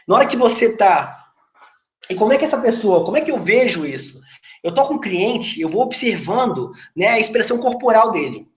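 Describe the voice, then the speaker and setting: A Brazilian man coaching on sales, his pitch rising and falling in a lively, animated way as he explains things step by step. He sounds chatty and persuasive. The recording is roomy and a bit dull and lo-fi. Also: brisk. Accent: Brazilian Portuguese. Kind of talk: casual video lesson. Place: seated indoors facing camera.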